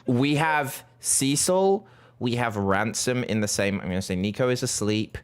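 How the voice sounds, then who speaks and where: A woman's voice: rumbling low, measured pace, smooth. A woman running and narrating a tabletop role-playing game as game master.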